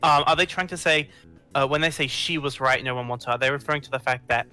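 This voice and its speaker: A man with a bright, forceful voice chatting casually in a debate. He rambles and keeps correcting himself mid-sentence, with faint music playing underneath. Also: medium pitch, fast. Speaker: podcast co-host.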